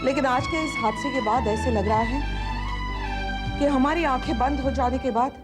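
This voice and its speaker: A stern, protective old grandmother of a big household in a TV serial, her high voice swinging widely as she scolds in a firm, motherly way. Music plays behind her. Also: sing-song, measured pace. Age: older. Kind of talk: TV serial acting. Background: background music score.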